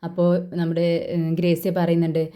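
A woman's voice: lowish voice, completely flat delivery, fairly quick, warm tone, clean tone. A woman casually retelling a TV serial episode in a chatty way. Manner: chatty, many fillers and restarts. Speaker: narrator.

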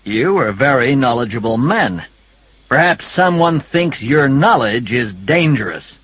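A man's voice: medium pitch, animated, unhurried, a bit bright, slightly rough, no room sound. A man voicing a cheerful, polite young male pilot in a storybook read-along, chipper and jokey.

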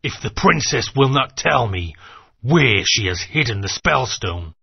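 General Scales, gravelly villain. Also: male voice, medium pitch, sing-song, full character voice. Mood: gloating. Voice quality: gravelly, raspy. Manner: slow, threatening, gloating. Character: menacing male dinosaur general, villain. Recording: dull lo-fi game audio.

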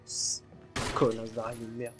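Jumpy, swearing French gaming commentator. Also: male voice, medium pitch, monotone, normal speed, soft background music. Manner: chatty and jumpy, swears freely when startled. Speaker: gaming channel host. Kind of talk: let's play commentary.

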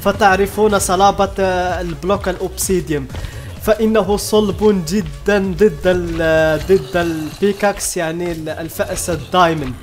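A man giving excitable gameplay commentary as a YouTuber, often stopping and restarting his sentences. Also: high voice, moderate pace, soft background music. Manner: excitable, many restarts and fillers. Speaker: gaming YouTuber.

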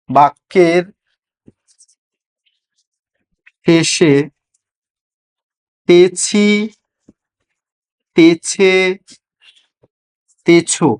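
Bengali-accented man teaching grammar slowly. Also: high voice. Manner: asks rhetorical questions, slows down to spell out examples. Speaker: English grammar tutor. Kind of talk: classroom-style grammar lesson.

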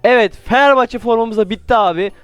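A man giving casual, joking commentary while playing a game, with sudden excited outbursts and playful trash talk. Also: extremely high pitch, a little fast, clear, resonant tone, no room sound, soft background music. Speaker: gaming YouTuber.

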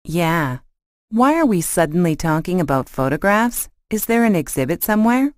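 A woman's voice: fairly low pitch, very animated, moderate pace, darkish tone, no echo, clean studio sound. A woman acting an agreeable, interested friend in a scripted language lesson dialogue, with careful short sentences.

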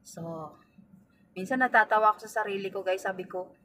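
Sitting in her car, a middle-aged vlogger who also drives for her family spins stories for viewers she addresses as "guys," performing each line of dialogue. Her mid-range voice is brisk with a sharp edge. The recording sounds distant, with a faint ambient background.

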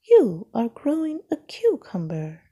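A woman voicing a wise old male owl from a storybook, hooting high before speaking in a soft, explaining way. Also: wildly swooping pitch, slow pace, breathy edge, heavily acted. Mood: hooting, instructive.

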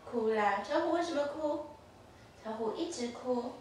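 A woman's voice: sits high, lively intonation, normal speed. A mother patiently coaching her toddler through play, repeating simple instructions over and over. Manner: patient, repetitive, gently instructive. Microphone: distant camera mic. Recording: echoey, distant, noisy home recording.

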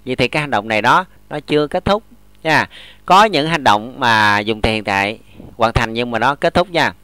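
A man, teaching English grammar in a classroom lesson, explaining slowly and often checking that students follow. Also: medium pitch, expressive, bright, forceful tone, clear, resonant tone, no echo. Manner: models English example sentences slowly.

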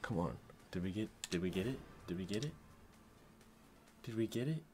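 Excitable young man commenting on gameplay. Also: on the low side, moderate pace, slight background noise. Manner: excitable, shouts in tense moments then talks softly. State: shaky with adrenaline. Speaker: gaming video creator.

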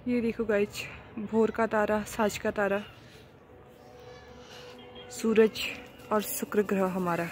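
A woman's voice: medium pitch, steady tone, slow, pauses often, a little mellow, soft background music. A woman vlogger with an Uttarakhand Hindi accent, chatting casually to her phone camera at home and on a rooftop. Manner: coaxing, sing-song baby talk to a sulking child. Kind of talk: casual vlog chat. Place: home and rooftop in hill country.

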